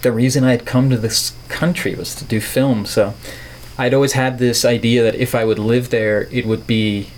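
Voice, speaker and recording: Here the same Dutch-born artist and filmmaker, a middle-aged podcast guest with a neutral American accent, talks at a moderate pace in a steady, mid-range voice over slight background noise. His interview answers are thoughtful yet playful, full of elaborate phrasing.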